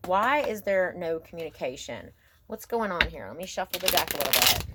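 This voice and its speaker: A woman giving a casual, intimate tarot reading, thinking aloud in a halting, musing way and often checking in with the listener. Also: on the low side, big pitch swings, heavy background noise. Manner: musing, halting, asks herself questions and checks in with "okay?". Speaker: tarot card reader.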